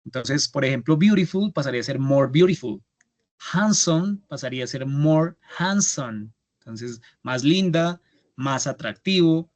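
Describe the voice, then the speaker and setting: A man's voice: a little high, lively intonation, a little slow. A young man teaching an English grammar class, patiently repeating each step and checking that students follow. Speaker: English instructor. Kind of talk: online class explanation.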